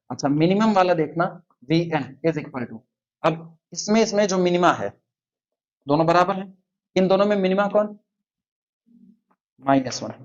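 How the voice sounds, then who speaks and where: A man teaching a math lecture at the board, quizzing his students and slowly counting through terms. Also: sits high, darkish tone, muffled recording.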